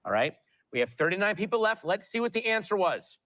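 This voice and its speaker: A man's voice: high voice, very animated, brisk, a bit bright, no echo, studio quality. A man hosting a television quiz show, reading questions and teasing contestants playfully. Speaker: game show host.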